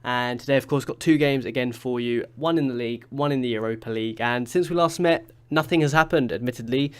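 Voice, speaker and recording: A gaming YouTuber with a stuffy, blocked-up voice from a cold gives casual let's-play commentary on his football management game. He's chatty and rambling, full of fillers and restarts. His voice is mid-range, quick and clean in tone.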